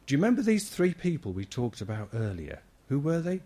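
A man giving a lively children's talk in church, acting out his points with big shouts and questions. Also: medium pitch, fairly quick, breathy edge. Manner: animated, acts out shouting for help.

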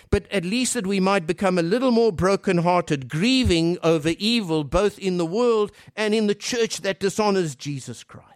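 An African man delivers an earnest sermon, asking rhetorical questions and shifting between hushed and emphatic passages. His voice runs on the high side. The studio sound is clean, with no echo.

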